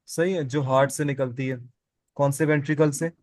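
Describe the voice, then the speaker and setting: A man's voice: mid-range voice, steady tone, moderate pace, darkish tone, no echo. Man lecturing biology to a class. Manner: asks the class questions and answers them himself, repeats key terms. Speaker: biology teacher.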